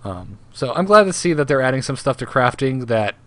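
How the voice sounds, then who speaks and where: A man's voice: medium pitch, big pitch swings, a little fast, no echo. A man hosting a casual gaming news podcast, joking and laughing often while he reads patch notes aloud. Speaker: host.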